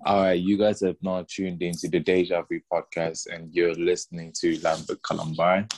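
A man's voice: low-pitched, little pitch movement, normal speed, a little mellow. A young man, hosting a podcast with casual slangy banter. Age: young adult. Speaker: podcast host.

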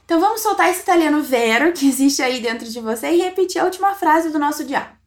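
A woman with a high voice leads an Italian lesson. She explains each phrase patiently and says the model sentences slowly so the learner can repeat them. She praises every attempt with a cheerful word. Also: lively intonation. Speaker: Italian teacher. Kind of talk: language lesson narration.

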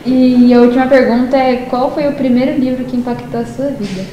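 A woman puts questions to a guest and answers him with short affirmations. Her voice is mellow and a little high. She sits in a roomy, echoing space. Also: steady tone, fairly quick, dull audio, slight background noise. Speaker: podcast interviewer. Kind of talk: casual interview questions.

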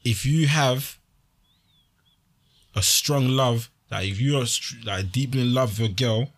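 A man's voice: mid-range voice, measured pace. A young man with a London accent in casual podcast chat, slangy and emphatic, often repeating his phrases. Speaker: podcast panelist.

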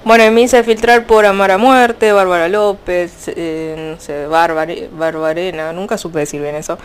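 A young woman with an Argentine accent, chatting casually about fanfiction in a rambling, animated way. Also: fairly low pitch, normal speed, a little hiss or hum. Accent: Argentine Spanish. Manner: chatty, rambling, frequent restarts and fillers. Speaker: fanfiction vlogger. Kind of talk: casual chat.

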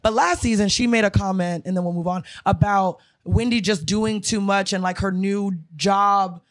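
A woman's voice: mid-range voice, fairly even intonation, moderate pace. A woman in her thirties co-hosting a podcast, chatting casually and gossiping bluntly with profanity. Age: 30s. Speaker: podcast co-host. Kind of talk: casual chat.

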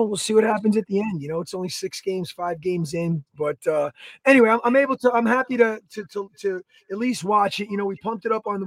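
A man, co-hosting a podcast in energetic, rambling casual chat. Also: high voice, dry recording, studio quality. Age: 30s. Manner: energetic, rambling, plugs products. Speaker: podcast co-host.

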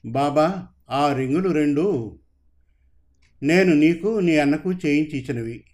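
A man's voice: a little high, expressive, a little slow, darkish tone. A man voicing a grieving older father who speaks sternly about his son's crime in a told story. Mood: grave. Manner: sorrowful, stern.

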